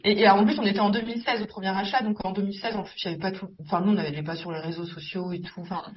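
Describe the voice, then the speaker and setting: Woman from metz talking fast about buying property, bit far from the mic, dull sound. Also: mid-range voice, a little hiss or hum. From Metz, France. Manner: quick, animated storytelling. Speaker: guest, property investor. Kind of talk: interview conversation.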